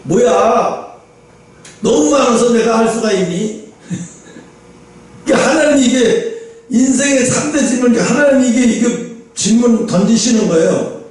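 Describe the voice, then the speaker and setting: A high-voiced male pastor preaches in a big church hall, heard from a distance through heavy echo. He talks in a lively, informal way and often acts out pointed questions straight at his listeners. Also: measured pace, long pauses. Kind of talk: sermon. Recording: echoey church hall, voice from afar.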